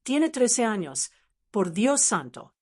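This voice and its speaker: A woman voicing an enraged, violent father in a spoken family story, her lines pitched up and strained. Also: very animated, takes it slowly, heavily acted. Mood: furious. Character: enraged middle-aged father, violent and shouting.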